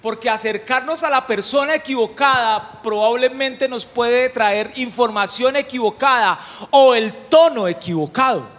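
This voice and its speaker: A man delivers a lively, humorous sermon, asking his listeners questions as he goes. His voice is very high, and a long hall reverb trails after every phrase. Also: moderate pace. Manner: animated, humorous, questions the congregation. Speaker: preacher.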